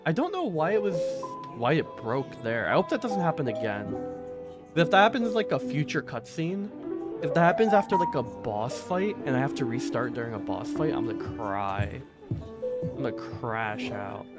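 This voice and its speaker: A man's voice: a little high, big pitch swings, normal speed. Chatty man streaming a game. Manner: chatty, rambling with lots of fillers. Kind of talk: casual gameplay commentary. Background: game music.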